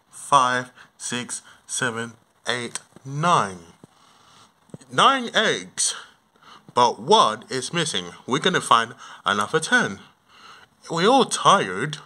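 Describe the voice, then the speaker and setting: A man voicing a friendly, cheerful puppet king in a homemade puppet show. He talks in an animated, encouraging way and leads the counting and cheering. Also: on the high side, heavily acted.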